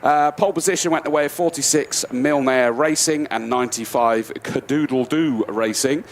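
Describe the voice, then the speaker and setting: A man commentating live on a motor race, chatty and excitable with lots of fillers, out of breath at first. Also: mid-range voice, slight background noise. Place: commentary box at a race circuit.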